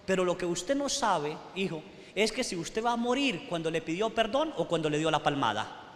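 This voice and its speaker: Male priest, sermon storyteller, high voice, echoey hall with a long tail. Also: sing-song, normal speed. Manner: storytelling, keeps checking in with the audience. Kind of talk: sermon at a retreat. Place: large hall at a retreat. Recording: echoey hall, faint noise.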